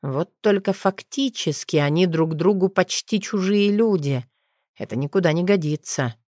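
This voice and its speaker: A woman narrating an audiobook in a steady, measured storytelling manner. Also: lowish voice, no room sound, clean studio sound.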